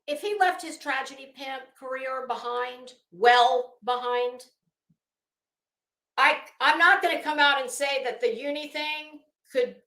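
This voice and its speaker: Recorded in an echoing, roomy space, a woman with a slightly high, somewhat bright voice hosts online. Her commentary is casual, gossipy and emphatic, rambling along as she stretches out stressed words.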